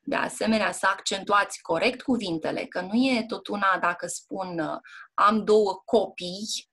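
A woman's voice: medium pitch, bright, forceful tone, breathy edge. A woman teacher giving a one-on-one exam prep lesson, explaining patiently and often checking in with her student, with hesitant fillers. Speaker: Romanian language and literature teacher. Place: indoor classroom or tutoring room.

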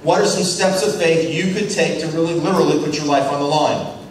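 A man giving a lecture on church mission. He questions the class and takes their short answers, and he acts out characters in quick voices as he tells stories. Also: on the high side. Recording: very echoey room, distant mic, faint noise.

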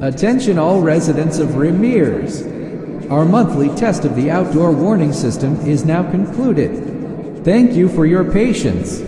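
A man making a public warning announcement through an outdoor siren loudspeaker, slow and deliberate. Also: a little high, lively intonation. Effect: outdoor siren loudspeaker broadcast. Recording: echoing outdoor loudspeaker with noisy background.

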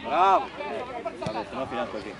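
A man's voice: huge pitch swings, moderate pace. A man coaching a youth football match from the sideline, barking short repeated commands at his players outdoors. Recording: outdoor pitchside recording with crowd noise.

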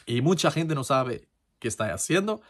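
A man's voice: mid-range voice, animated, moderate pace. A man whose first language is Portuguese, talking to his channel in Spanish with a Portuguese accent, casual and hesitant, full of fillers and restarts. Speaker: crypto channel host. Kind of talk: casual tutorial talk to camera.

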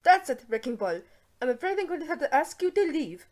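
A woman voicing grown-ups in an animated cartoon, talking in a stern, scolding manner. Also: high-pitched, brisk, background noise. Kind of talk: animated grounded-video dialogue.

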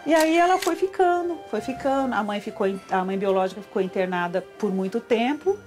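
A woman, a guest on a TV talk show, telling her own story with animated, emotional delivery and acting out quoted voices. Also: fairly quick, faint music behind. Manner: animated, acts out quoted speech in a higher voice.

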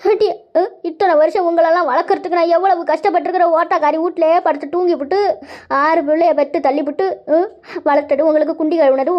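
A nagging old cartoon mother with a high, fast voice scolds her grown children reproachfully, as a woman puts her on. The audio is muffled and lo-fi. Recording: dull lo-fi sound.

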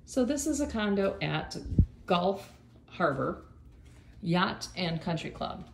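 Walking through a vacant condo indoors, this woman realtor from Florida narrates in a chatty, upbeat way, dropping plenty of fillers while holding her phone camera. She speaks slowly in a lowish, creaky voice that's very animated. Expect echo from the empty rooms plus some background noise.

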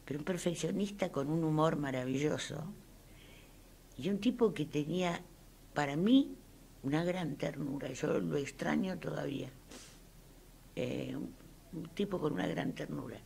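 An older woman with an Argentine accent recalls her past in an interview. Her voice is gravelly and her pitch swings widely as she talks. Faint noise sits behind her. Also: unhurried, long pauses. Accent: Argentine Spanish. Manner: emphatic, expressive storyteller. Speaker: interviewee, actress. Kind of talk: interview reminiscence.

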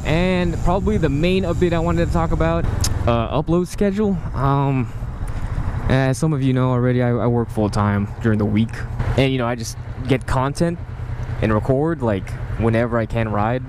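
A man's voice: medium pitch, moderate pace. Young man motovlogging over traffic noise. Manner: rambling, relaxed, with frequent fillers. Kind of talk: casual vlog talk while riding. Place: on a motorcycle on city roads, outdoors. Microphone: helmet microphone. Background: engine and traffic noise.

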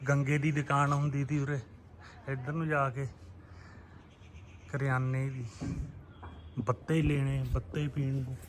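A man with a Puadhi Punjabi accent gives relaxed, reminiscing narration as he walks and films outdoors in a village on a handheld phone. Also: medium pitch, measured pace, long pauses, slight background noise. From Punjab, India. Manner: reminiscing, relaxed, loosely strung phrases. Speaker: vlogger. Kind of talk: casual walking vlog narration. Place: outdoors in a village, on rooftops and lanes.

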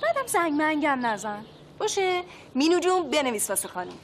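Sly schemer, keeps it hush-hush, faint noise. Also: female voice, high voice, very animated. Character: scheming woman, Mino. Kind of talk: TV drama acting.

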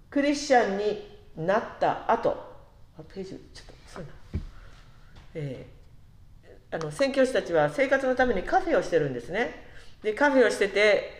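A woman giving a conversational sermon who asks the congregation questions and slows down on key words. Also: on the high side, roomy sound. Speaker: preacher.

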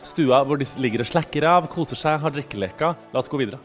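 Over loud music, a young man with a mid-range voice hosts an entertainment show and gives a playful, mocking tour of a villa. He adds theatrical asides while walking around and speaking into a handheld mic, mixing a comic house tour with studio chat.

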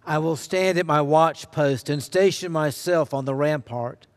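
Man, scripture reading, deliberate, steady, fairly high pitch, lectern mic, reverberant church. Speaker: scripture reader. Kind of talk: reading scripture aloud in worship. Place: large church sanctuary, indoors. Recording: long reverb of a large sanctuary.

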